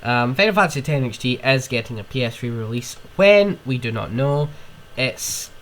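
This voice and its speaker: A young male podcast host with a cold rants solo in a casual, wandering way, sniffing and swearing. He speaks briskly in a medium-pitched, fairly bright voice.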